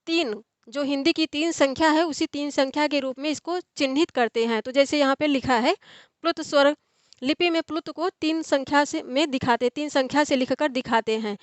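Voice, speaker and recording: A woman's voice: high-pitched, no room sound. A young woman tutoring for an exam in an online lecture, explaining step by step and answering her own questions. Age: young adult.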